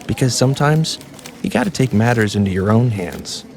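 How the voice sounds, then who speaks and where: A man announcing a fast-food commercial in a punchy, salesy read. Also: mid-range voice, lively intonation, creaky, darkish tone.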